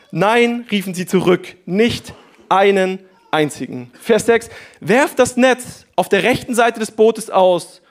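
A man preaching a sermon, reading Bible verses and speaking straight to his listeners with lively asides. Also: sits high.

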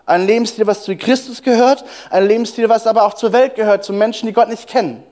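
A man's voice: high-pitched, steady tone, fast talker, darkish tone. A man preaching a sermon as a pastor, emphatic and repeating phrases, his voice rising when he stresses a point.

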